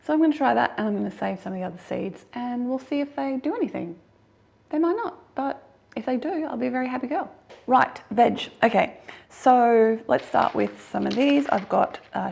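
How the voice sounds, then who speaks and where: An Australian woman with a husky, hoarse voice today, chatting casually to camera about her garden, self-deprecating and laughing often. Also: fairly high pitch, a little mellow. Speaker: gardening vlogger.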